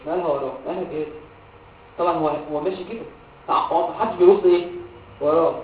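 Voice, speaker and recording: Rapid-fire Egyptian man lecturing. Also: a little high, far from the mic, slight background noise. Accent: Egyptian Arabic. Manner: animated, asks the class questions and answers them himself; mixes English medical terms into his talk. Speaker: medical lecturer. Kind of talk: lecture to students. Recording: tinny phone-like audio, echoey room, from afar.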